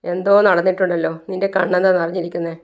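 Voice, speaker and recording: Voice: mid-range voice, little pitch movement, fast talker, natural voice. The narrator reading the lines of an insistent young husband who keeps pressing his wife with questions, in a plain retelling.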